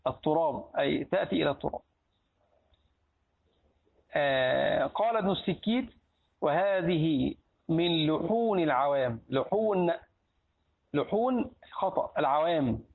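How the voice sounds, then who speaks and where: Egyptian sheikh, lively classroom teacher, husky higher voice, asks questions and answers them himself; phone-quality lo-fi sound. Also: male voice, unhurried, pauses often. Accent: Egyptian Arabic. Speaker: sheikh teaching a hadith book. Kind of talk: Islamic lesson in a mosque. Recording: tinny lo-fi phone-like recording.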